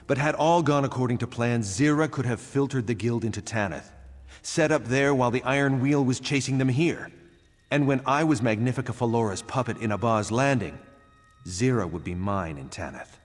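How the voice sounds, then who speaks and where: A man's voice: medium pitch, moderate pace, natural voice. An actor playing a retired thief turned painter, a resigned married man, with theatrical, confessional delivery in a video game. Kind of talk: video game character dialogue. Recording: long reverb, music behind.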